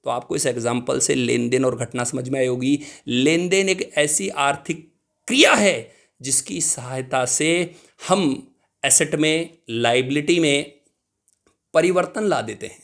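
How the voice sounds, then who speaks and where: A young adult man giving an exam-prep accounting lecture, lively, asking questions and answering them himself, addressing students fondly. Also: mid-range voice. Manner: animated, asks and answers his own questions, calls students "beta". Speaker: accounting teacher.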